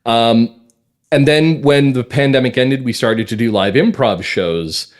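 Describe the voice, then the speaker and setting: Speaking a little slowly in a mid-range voice, this audio drama writer-producer is a guest on a podcast. He chats informally and eagerly, sharing stories from his creative projects.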